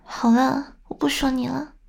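A high-pitched, slightly gravelly young older sister, voiced by a woman, in a whispered role-play. She is stern and doting, scolding close to the ear and then coaxing softly. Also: level tone, measured pace, full character voice. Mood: angry.

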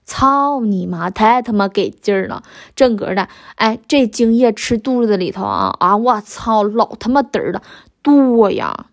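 A woman's voice: mid-range voice, sing-song, measured pace. A woman with a Northeastern Mandarin accent telling an explicit personal story in a crude, heavily profane, boastful manner. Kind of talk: explicit confessional monologue.

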